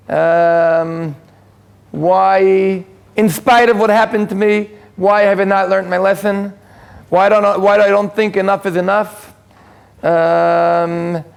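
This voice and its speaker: In a community hall, a native Hebrew speaker from Israel gives an informal lecture to an audience. His high voice has a gravelly fry, and he stumbles through restarts and fillers while cracking dry, self-deprecating jokes.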